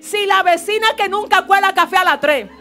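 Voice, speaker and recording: Woman pastor mid-sermon in church, high pitch, lively and fervent, soft music underneath. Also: brisk. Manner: fervent, animated preaching with asides to the congregation. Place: church service.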